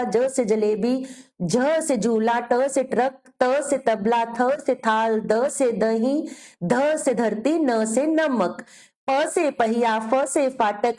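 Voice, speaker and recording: A woman teaching children the letters and sounds in a slow, clear lesson, reading word lists one by one and stressing each sound. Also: fairly high pitch, darkish tone.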